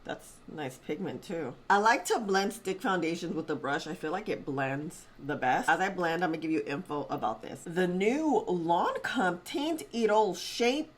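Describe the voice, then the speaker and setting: A woman's voice: on the low side, animated, moderate pace, hardly any pauses. A woman beauty vlogger chatting casually and expressively to her viewers while testing makeup. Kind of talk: casual beauty vlog chat.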